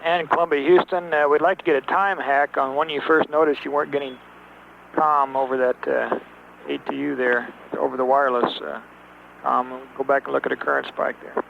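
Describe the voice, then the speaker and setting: A man at mission control talking to a spacecraft crew over a narrow-band radio transmission, in clipped, halting radio procedure with many fillers. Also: medium pitch, level tone, creaky. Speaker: mission control capsule communicator. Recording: tinny radio link with faint hiss.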